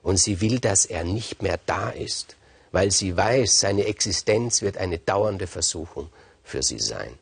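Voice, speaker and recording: A male storyteller retelling a myth in a lively, conversational manner, adding emphatic asides as he goes. His low voice is gravelly and husky. The recording is dry and close. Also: measured pace, no echo. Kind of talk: freely told myth narration.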